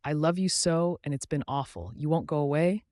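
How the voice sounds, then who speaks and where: A man's voice: on the high side, moderate pace, darkish tone, no room sound, clean studio sound, lightly acted. A man voicing a tender, fragile young woman.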